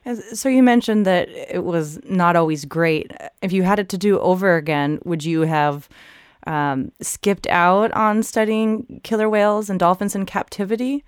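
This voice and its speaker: A woman interviewing a guest, appreciative and a little halting as she asks her questions. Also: lowish voice, smooth, dry recording, studio quality.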